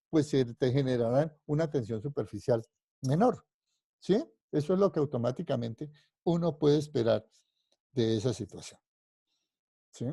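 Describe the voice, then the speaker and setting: A male physics professor giving a university lecture, his voice pitched a little high yet warm and mellow. He walks through the reasoning patiently, keeps asking his students whether they follow, and rephrases himself as he goes. The sound is dry, with no room echo. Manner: explanatory, constantly checking understanding with questions; rephrases and restarts mid-sentence while thinking aloud.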